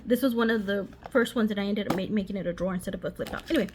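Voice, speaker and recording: A woman's voice: medium pitch, racing. A woman giving a casual, rambling craft show-and-tell in her living room over a running washing machine, often losing her thread and interrupting herself. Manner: scattered, self-interrupting, giggly asides. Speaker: craft vlogger. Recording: washing machine noise in background.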